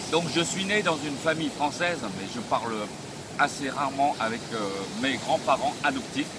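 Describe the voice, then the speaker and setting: A man in his fifties answers viewer questions in a casual YouTube Q&A vlog, speaking haltingly in a mid-range voice. Born in Vietnam of Chinese descent, he moved to France at fourteen and learned French as a teenager, so his phrasing is non-native and he repeats phrases. Loud wind and ambient outdoor noise fill the recording.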